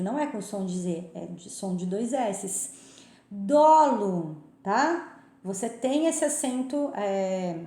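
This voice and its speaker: A woman's voice: on the high side, mellow. Echoey woman teacher checking in with "tá?". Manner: frequent "tá?" and "né?" checks, explanatory. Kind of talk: explaining a textbook chapter. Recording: echoey room.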